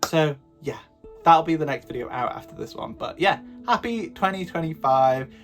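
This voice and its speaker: Young man, book vlogger, chatty and rambling, a touch raspy, voice on the high side. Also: animated, moderate pace, a bit bright, soft background music. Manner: chatty, rambling, self-deprecating. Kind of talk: casual chat to camera.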